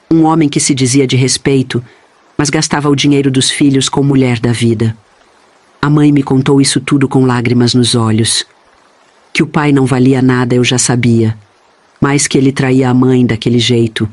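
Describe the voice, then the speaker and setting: A man reading a first-person family story in a steady, earnest storytelling manner. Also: medium pitch, no echo. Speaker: narrator.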